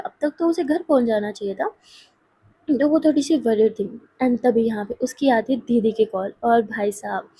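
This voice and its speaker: A woman's voice: on the high side, warm tone, breathy edge. A woman casually telling a love story, chatty and talking straight to her listeners. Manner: chatty, addresses listeners directly.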